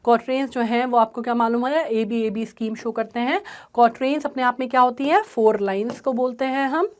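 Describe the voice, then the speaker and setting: High-voiced woman teaching a poem. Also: fairly quick. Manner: repeats "ठीक है" often, mixes English terms into Hindi. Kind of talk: explaining a poem to school students.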